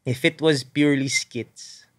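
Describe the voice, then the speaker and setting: A man in his thirties, a content creator, telling stories in a casual podcast chat, animated and mixing in English with "bro". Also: mid-range voice, takes it slowly. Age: 30s. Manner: animated storyteller, mixes English into Tagalog, says "bro".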